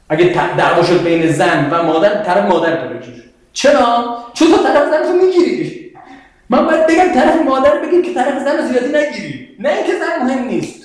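A man gives a religious lecture with a high, lively voice. He quotes scripture and keeps questioning his listeners. The sound rings out in a strongly echoing hall. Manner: animated, asks the audience questions, quotes scripture. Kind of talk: lecture to an audience. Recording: very echoey hall.

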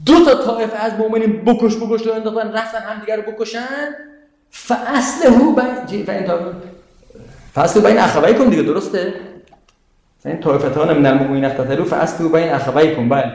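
Animated high-voiced man lecturing in an echoey hall. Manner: animated, asks the audience questions, quotes scripture. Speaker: religious lecturer. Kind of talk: lecture to an audience.

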